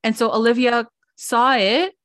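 A young woman hosting a podcast, chatting casually in a slangy, animated way. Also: on the high side, unhurried, no room sound, studio quality. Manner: animated, slangy, acts out quotes. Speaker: podcast host. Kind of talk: casual chat.

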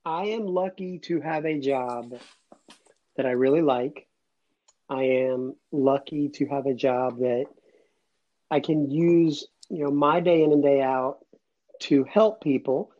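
A man in his late thirties talks as a guest in an earnest, meandering way, circling back as he tells his story. His voice sits at an ordinary pitch. The audio is muffled and lo-fi. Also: slow pace, dark tone. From Cuba, raised near Atlanta. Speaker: guest, immigration lawyer. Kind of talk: casual interview chat. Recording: dull lo-fi audio.

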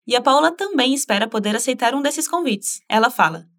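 With a slightly high, expressive, somewhat bright voice, a woman gives a language lesson. She's patient and encouraging, saying each phrase slowly and inviting the listener to repeat it.

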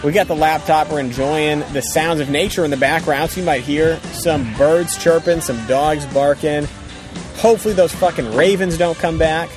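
Higher-pitched man hyping a podcast over music. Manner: profane, informal, upbeat hype. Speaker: podcast co-host. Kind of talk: casual podcast banter and sponsor reads. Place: outdoors on a ranch.

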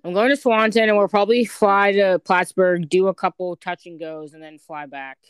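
A laid-back teenage girl co-hosting a casual podcast, with a lowish, smooth voice. She talks in relaxed slang and laughs easily. The recording is close and dry. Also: moderate pace, no echo. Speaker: podcast co-host. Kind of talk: casual chat.

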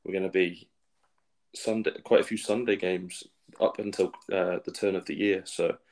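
A man's voice: deep voice, steady tone, moderate pace, a little mellow. A man from England co-hosting a football podcast in casual chat, often stammering and restarting. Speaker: podcast co-host.

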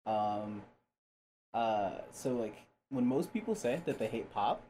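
A man's voice: on the low side, lively intonation, mellow. Brief: young male co-host, rambling explainer with a faint hiss. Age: young adult. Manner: explaining, halting, many fillers. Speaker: podcast co-host. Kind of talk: casual chat.

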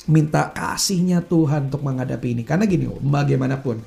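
This male youth pastor speaks at a medium pitch with a creaky edge, talking fast. His earnest sermon comes across as a relaxed chat, peppered with slang and playacted everyday gripes.

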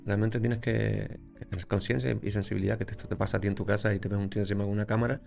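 Guy, quick talker with a gravelly edge, acts out his stories, faint music behind. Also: lowish voice. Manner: lively storyteller, acts out scenes with sound words. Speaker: photographer guest. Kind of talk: casual interview storytelling.

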